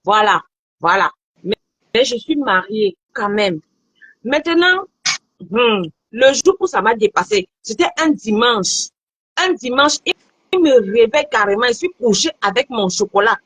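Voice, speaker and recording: A woman in her thirties telling a story in an animated, repetitive way during a casual chat. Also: a little high, moderate pace, slightly rough, no echo. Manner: animated storytelling, repeats phrases.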